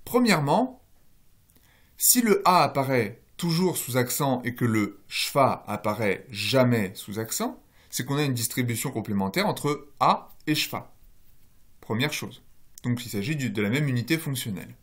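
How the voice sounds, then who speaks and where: A man's voice: medium pitch, expressive, measured pace. A man lecturing on linguistics in a recorded course, explaining step by step with frequent hesitations. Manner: explanatory, many fillers, rising emphasis on key terms.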